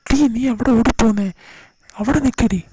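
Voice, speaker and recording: A woman's voice: a little high, moderate pace, mellow, husky, no echo. A woman voicing a bossy man hunting a runaway girl, barking orders harshly, in an amateur fan audio drama. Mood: angry.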